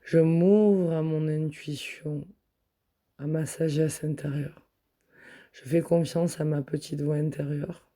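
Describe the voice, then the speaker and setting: A man guiding a chakra meditation, speaking soft, repetitive affirmations in the first person. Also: fairly high pitch, fairly even intonation, takes it slowly. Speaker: meditation guide.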